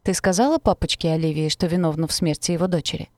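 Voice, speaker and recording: A woman's voice: on the low side, fast talker, darkish tone, no room sound, clean studio sound, lightly acted. A woman reading a cruel taunting teenage boy. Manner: taunting, venomous.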